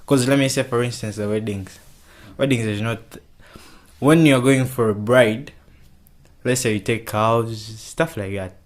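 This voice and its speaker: A young man from Kenya answering interview questions in a casual, halting way, often repeating his words as he starts. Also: medium pitch, fairly even intonation. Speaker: interview guest.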